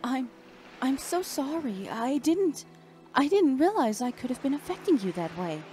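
A woman voicing a warm, earnest teenage girl huntress, speaking softly and heartfelt in a fan fiction reading. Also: high voice, big pitch swings, moderate pace, soft background music, pitched above the performer's own voice. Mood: apologetic. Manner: soft, pleading, heartfelt.

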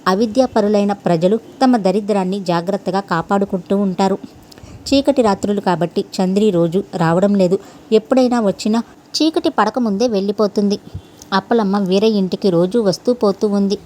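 Mellow-voiced woman narrating a story. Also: mid-range voice, a little hiss or hum.

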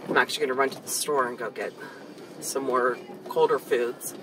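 A woman in her thirties with a sore, swollen, partly numb jaw, giving a casual, halting vlog update from inside a car. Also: very deep voice, steady tone. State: swollen, numb, sore jaw after wisdom tooth removal. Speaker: vlogger. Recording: distant mic, faint vehicle noise. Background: faint car and outdoor noise.

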